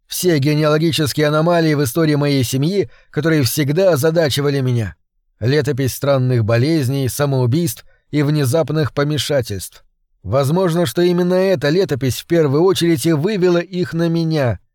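Brief: man, scripted horror narration, dramatic and tense, higher voice, dead-dry studio sound. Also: darkish tone, dry recording. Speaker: audiobook narrator.

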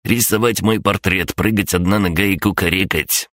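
A man's voice: low-pitched, fairly even intonation, moderate pace, a bit bright, dry recording, clean studio sound, voice pushed up. A man voicing a pompous male crab-gnome spirit who speaks in broken grammar, in an audiobook.

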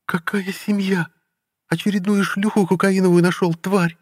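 Guy doing a high shaky bitter ex-wife voice, scornful and teary, dry close mic. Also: a little fast, dry recording. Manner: scornful, sharp, trembling with anger. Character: bitter tearful ex-wife, woman in her thirties.

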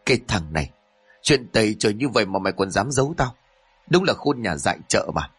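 A man's voice: on the low side, very animated, slightly rough, dry recording, soft background music. Man doing a fierce scolding mother. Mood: angry, scolding. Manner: scolding, quick and sharp. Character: scolding middle-aged mother, sharp-tongued and fierce.

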